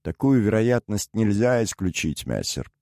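A man's voice: fairly low pitch, very animated, measured pace, a little mellow, no room sound, clean studio sound. A man voicing an obsequious, scheming servant who deferentially calls his master "messer". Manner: deferential, ingratiating. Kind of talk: audiobook character reading.

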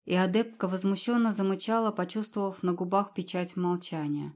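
A woman reading a fantasy novel aloud as audiobook narrator, in a measured, expressive way. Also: medium pitch. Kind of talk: scripted narration.

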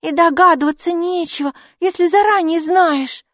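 A woman reading an audiobook and voicing an eager six-year-old girl with high, loud exclamations. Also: moderate pace, dry recording, clean studio sound. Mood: excited.

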